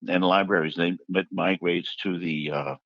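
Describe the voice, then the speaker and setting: Low-voiced man telling stories. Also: fairly even intonation, normal speed, gravelly, fairly bright tone, no room sound, muffled recording. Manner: chatty anecdotal storyteller who acts out quotes. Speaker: author interviewed about his book. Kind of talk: casual interview storytelling.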